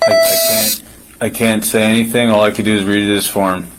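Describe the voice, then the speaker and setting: A man's voice: fairly low pitch, flat delivery, moderate pace, poor audio. A male police officer formally reading out a legal form and giving firm, insistent instructions. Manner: procedural, insistent. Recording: body camera with faint noise.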